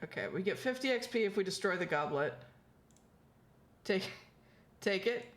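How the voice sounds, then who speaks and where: A woman's voice: medium pitch, lively intonation, normal speed. A woman game streamer reading on-screen text aloud and giving casual, wry, sometimes sweary live commentary.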